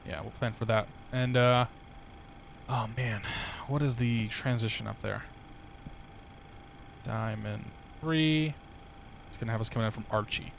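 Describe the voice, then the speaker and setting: A man's voice: medium pitch, measured pace, vocal fry, pauses often, a little hiss or hum. Laid-back guy chatting on a livestream. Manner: laid-back, swears casually, laughs often. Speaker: streamer flying a flight simulator. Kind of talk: casual livestream chat with viewers.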